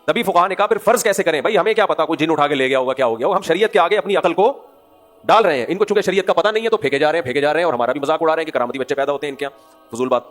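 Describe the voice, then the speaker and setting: Animated man preaching in Pakistani Urdu. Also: faint music behind. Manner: animated preaching, swings between loud emphatic rhetorical questions and low asides. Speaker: Islamic scholar giving a lecture. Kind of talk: religious lecture to a live audience.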